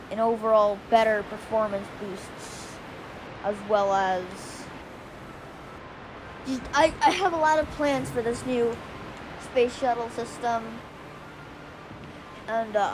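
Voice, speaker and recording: A woman with a squeaky voice giving casual, rambling gameplay commentary, often going off on tangents and restarting her sentences. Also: low-quality recording. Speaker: gaming video creator. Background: faint music and controller clicks.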